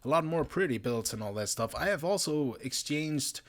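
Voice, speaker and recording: A man with a tired voice doing casual gameplay commentary as a video host, getting excitable as he shows off his builds. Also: fairly high pitch, moderate pace. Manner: excitable, laughs and exclaims while playing. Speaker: gaming YouTuber.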